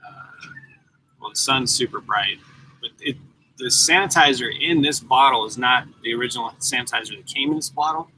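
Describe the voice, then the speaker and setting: A man's voice: mid-range voice, pushed and bright, slight background noise, rough recording. A man in his forties, a truck driver chatting casually and rambling to viewers on a live stream from his parked truck at the yard. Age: 40s. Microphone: laptop mic.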